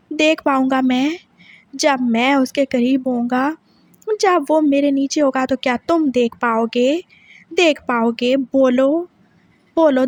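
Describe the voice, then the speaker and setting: A woman's voice: sits high, no room sound. Woman voicing an intense, pressing husband. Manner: pressing, repeats questions. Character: intense possessive young husband, man. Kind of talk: dramatic story reading.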